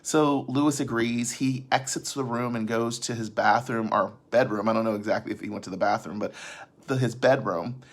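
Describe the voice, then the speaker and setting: A man's voice: mid-range voice, steady tone, moderate pace. A man casually recapping a film's plot for his vlog audience, rambling, often restarting sentences and adding asides. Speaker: vlogger recapping a film.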